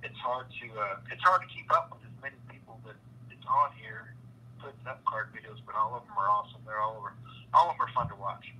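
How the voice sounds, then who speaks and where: A man, chatting casually as a guest on a live stream, rambling and halting with many fillers and restarts. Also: on the low side, husky, lo-fi sound. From Kentucky, USA. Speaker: guest, car salesman and card collector.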